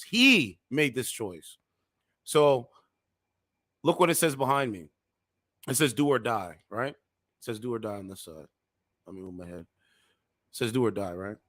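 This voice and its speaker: A man in his thirties hosting reaction commentary, lecturing in a heated, preachy way with sudden loud outbursts. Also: medium pitch, dry recording, clean studio sound. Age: 30s. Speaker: commentary channel host.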